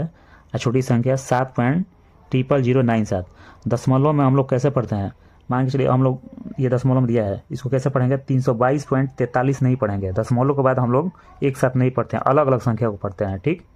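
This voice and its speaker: A man with a Bihari Hindi accent teaching a maths lesson to children, explaining each step slowly and repeating himself. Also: mid-range voice, mellow. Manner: slow, repetitive step-by-step explaining, addresses children.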